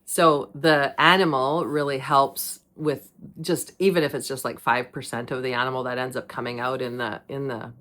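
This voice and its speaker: A woman's voice: very deep voice, steady tone, normal speed, a bit bright, slight background noise. A middle-aged woman hosting a podcast, talking casually about acting, often laughing and drifting off on tangents. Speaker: podcast host. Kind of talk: casual monologue.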